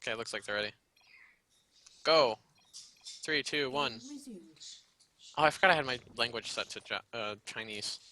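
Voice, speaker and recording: Bright-voiced excitable male game caster. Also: mid-range voice, moderate pace, pauses often. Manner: excitable, rambling, laughs often. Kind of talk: casual live game commentary.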